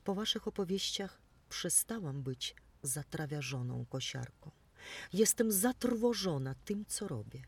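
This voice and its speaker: Reader doing a gruff boastful lawnmower. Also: mid-range voice, lively intonation, measured pace, recorded from a distance. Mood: remorseful. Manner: growling, menacing. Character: proud boastful female lawnmower, loud and gruff. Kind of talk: storybook reading.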